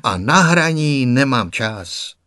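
A man voicing a kind, fussing old grandmother in a storybook reading, speaking slowly and drawn out. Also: mid-range voice, lively intonation, bright, forceful tone. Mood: gentle. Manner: slow, drawn-out and caring. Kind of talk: storybook character voice.

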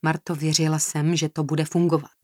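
A woman's voice: low voice, flat delivery, a little mellow, dry recording, studio quality, close to an everyday voice. A woman voicing a stubborn young woman who answers tersely and defiantly, in an audiobook reading. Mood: defensive. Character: stubborn defensive young woman under pressure.

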